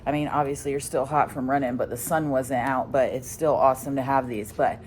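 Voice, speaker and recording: A woman's voice: extremely low pitch, fairly even intonation, brisk, a little mellow, a little hiss or hum. A woman chatting casually to her vlog viewers. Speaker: vlogger.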